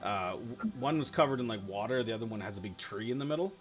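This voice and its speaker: A man voicing a sick, wry scout in a tabletop game, talking casually in a halting, stammering way. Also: on the low side, lively intonation, muffled recording, a loud crowd, natural voice. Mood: puzzled, wry. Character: sick, unsteady male scout, wryly brushing off his illness.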